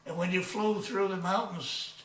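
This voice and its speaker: High-voiced elderly veteran man, remembering. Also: fairly even intonation, fairly bright tone. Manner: old veteran remembering, halting and repeating words. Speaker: retired army major, war veteran. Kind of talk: reminiscing in a casual interview. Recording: echoey room, distant from microphone.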